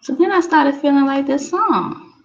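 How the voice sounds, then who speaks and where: A woman's voice: sits high, normal speed, creaky, highs cut off. A woman hosting her own show, talking in a rambling, casual monologue full of restarts and "you know"s.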